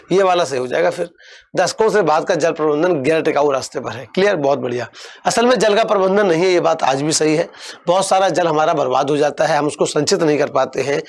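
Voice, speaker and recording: A young man teaching an online exam-prep class, coaxing his students and repeating words slowly. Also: fairly high pitch, gravelly.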